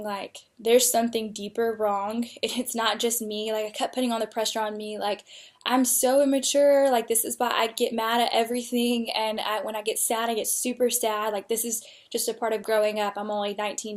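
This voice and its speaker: A young woman telling her personal story candidly and emotionally, with frequent fillers. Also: a little high. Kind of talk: personal testimony.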